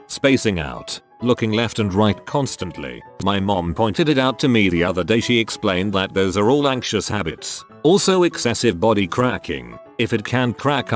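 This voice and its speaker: A man reading online posts aloud as a scripted narration in an even, measured way. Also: lowish voice.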